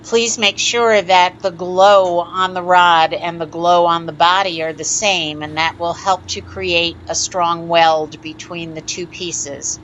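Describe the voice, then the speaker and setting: A woman teaching a step-by-step glass sculpting lesson, explaining each move in a calm, methodical way. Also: lowish voice, slow, few pauses, dull audio, a little hiss or hum. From United States. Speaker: glass artist teaching a lampworking demo. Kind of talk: step-by-step tutorial narration.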